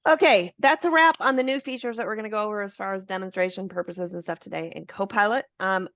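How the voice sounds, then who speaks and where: A woman's voice: mid-range voice, fast talker, a bit bright, no room sound. Woman presenting a webinar over dull audio. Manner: explains features step by step, friendly and informal.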